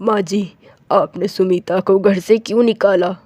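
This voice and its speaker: A steady, loyal young husband from a cartoon, voiced by a woman. The voice is mid-pitched and mellow, with a firm tone. The recording is dry and close. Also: measured pace, dry recording, lightly acted.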